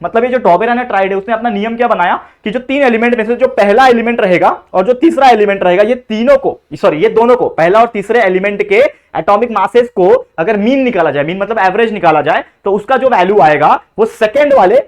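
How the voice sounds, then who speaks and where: A young man tutoring students through a quick exam revision. He is chatty and coaxing, and he switches between Hindi and terms. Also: high-pitched. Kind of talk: fast exam revision lesson.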